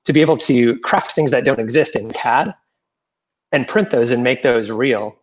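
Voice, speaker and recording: A man's voice: medium pitch, moderate pace, slightly rough, highs cut off. A programmer telling the story of how he got into his hobby, hesitant and full of fillers, on a group video call.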